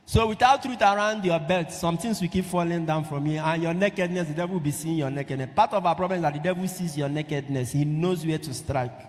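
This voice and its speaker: A man preaching a sermon, emphatic, asking the listeners questions and rising to loud peaks. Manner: emphatic, asks the audience questions and rises to loud high peaks. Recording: long hall reverb.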